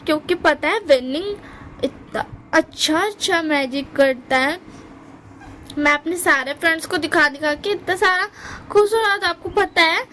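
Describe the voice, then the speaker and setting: A woman's voice: very high-pitched, measured pace, bright, forceful tone, slight background noise, full character voice. A woman voicing a cheerful, eager teenage boy who pleads and chatters.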